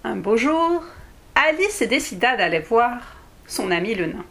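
Slow, expressive woman reading a storybook. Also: fairly high pitch, gravelly. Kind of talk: storybook read aloud.

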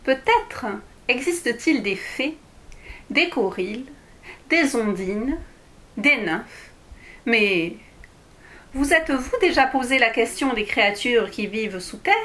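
Woman reading a kids story out loud, slow and expressive, voice goes up and down a lot. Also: fairly high pitch. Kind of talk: storybook read aloud.

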